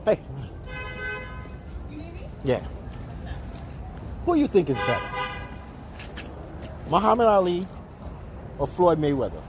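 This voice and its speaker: Animated streetwise man quizzing passersby. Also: fairly high pitch, slow pace, pauses often, background noise. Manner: animated, chatty, streetwise slang. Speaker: street interviewer and vlogger. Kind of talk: casual street vox pop. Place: outdoors on city streets and in a car.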